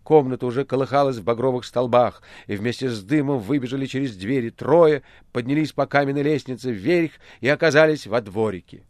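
A man narrating a literary audiobook with a measured, expressive reading. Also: medium pitch, no room sound, studio quality.

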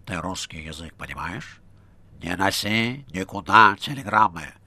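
A man's voice: expressive, unhurried, pushed and bright, no room sound, exaggerated voice. A man voicing a nasty anonymous male caller with a revolting nasal voice who coldly gives orders. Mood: sneering menace. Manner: sneering, low and cold.

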